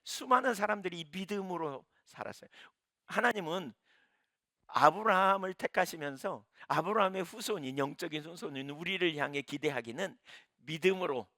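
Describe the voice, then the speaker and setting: Animated Korean pastor preaching. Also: male voice, fairly high pitch, moderate pace, dry recording, clean studio sound. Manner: animated preaching, acting out biblical quotes. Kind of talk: sermon.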